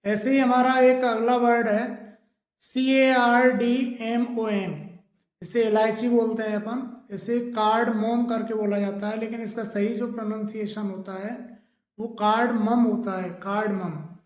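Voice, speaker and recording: A man teaching English pronunciation, spelling words out letter by letter and repeating the correct forms, often pausing with fillers. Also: extremely high pitch, little pitch movement. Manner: frequent hesitation fillers. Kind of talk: pronunciation lesson. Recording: echoey room.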